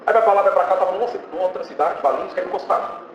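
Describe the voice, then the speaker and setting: A man's voice: sits high, racing, far from the mic. Fervent Brazilian man testifying in church. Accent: Brazilian Portuguese. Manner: fervent, often breaks in with praise exclamations. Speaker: church member giving testimony. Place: church hall. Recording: muffled, echoey church hall with noise.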